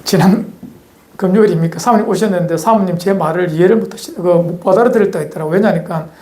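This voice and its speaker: Fast and mellow, a high-pitched man preaches in a Gyeongsang Korean accent, a pastor giving a folksy sermon in which he questions his congregation. The church sanctuary lends the recording a strong echo.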